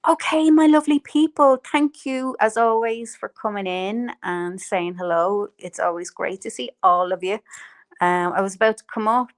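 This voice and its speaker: Here a woman runs a casual live stream, chatting away with plenty of fillers and laughs. Her voice sits at a medium pitch and moves at a moderate pace.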